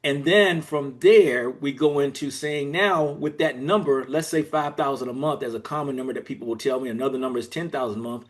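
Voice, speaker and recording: A man's voice: medium pitch, a little fast, hardly any pauses. A man from Georgia in the US, an executive coach speaking as a guest in a podcast interview, explaining things step by step in an earnest way. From Georgia, USA.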